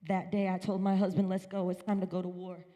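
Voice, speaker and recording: A woman's voice: fairly low pitch, completely flat delivery, a little fast, mellow. Earnest woman giving testimony in a reverberant hall. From upstate New York. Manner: earnest, emphatic storytelling. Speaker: guest speaker at a church service. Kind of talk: personal testimony. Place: church sanctuary.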